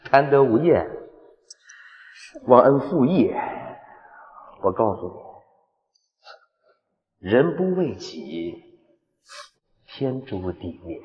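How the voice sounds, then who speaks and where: An actor playing a smug, scheming corporate villain in a short drama, gloating with drawn-out mocking menace. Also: male voice, medium pitch, very animated, highs cut off. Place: large indoor concrete space, garage-like. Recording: long hall-like reverb.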